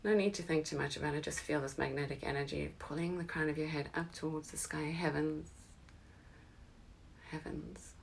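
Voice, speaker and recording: A woman leads a slow guided meditation, her voice low and gravelly. She keeps her pitch even and soothing, often sinking into a breathy whisper. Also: slight background noise.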